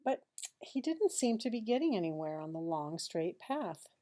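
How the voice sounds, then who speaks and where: A woman reads a children's picture book aloud like a teacher, expressively, with dramatic pauses and hushed asides. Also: fairly low pitch, very animated.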